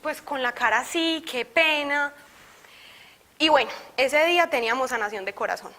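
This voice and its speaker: A woman giving a personal testimony to a church group, telling her story in an animated way and voicing her own past thoughts. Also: high voice, normal speed.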